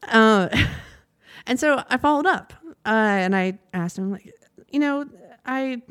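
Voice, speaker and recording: A woman's voice: on the high side, lively intonation, slow pace, fairly bright tone, clean tone, dry recording, clean studio sound. A young woman hosting a casual podcast, telling a story in a chatty, rambling way with frequent laughs. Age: young adult. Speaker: podcast host. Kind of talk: casual monologue.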